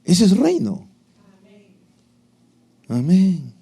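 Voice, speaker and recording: Male preacher, lively sermon delivery, quizzes the congregation. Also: high voice, extremely slow, vocal fry, breathy edge. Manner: asks the congregation questions, acts out quotes. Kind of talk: sermon lesson.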